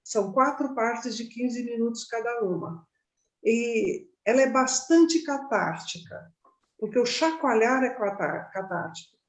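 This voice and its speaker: A woman leads a meditation class, her voice sitting a little high for a woman. She talks in a loose, chatty way and keeps checking in with her listeners. The room around her sounds roomy and echoey. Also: animated, unhurried. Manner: conversational, frequent tag questions. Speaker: meditation teacher. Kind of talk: informal class talk. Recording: roomy echo.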